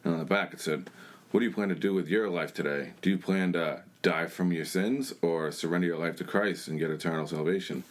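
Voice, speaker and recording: Speaking fairly quickly in a low voice, a young man shares his testimony as a church member. He is blunt and plain-spoken in a conversational setting.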